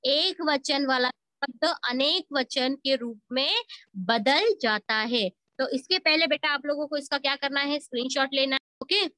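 A woman's voice: high-pitched, pushed and bright, dry recording. A woman teaching a school Hindi grammar lesson online, asking questions and answering them herself, mixing English words into her Hindi. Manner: asks questions and answers them herself, addresses pupils as beta. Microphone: video call recording.

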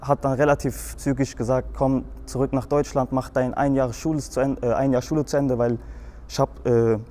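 Speaking at a normal speed in a mellow, medium-pitched voice, a young adult from Frankfurt tells his life story as a show guest. He carries a light Hessian accent and uses little pitch movement. The narration wanders, broken by frequent fillers and restarts.

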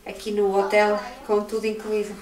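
A woman's voice: mid-range voice, completely flat delivery, moderate pace, distant mic, crowd noise. A woman, chatting casually to her viewers while filming a family holiday vlog at a hotel. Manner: chatty, talks straight to the viewers. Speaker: family vlogger. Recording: echoey, off-mic, loud background noise.

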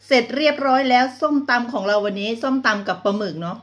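A woman's voice: fairly high pitch, quick pace. A woman with a northeastern Thai Isan accent chats casually to viewers as a food vlogger, chewing and humming appreciatively as she talks. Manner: chewing and savoring food while talking, with appreciative hums. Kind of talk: casual mukbang chat to viewers.

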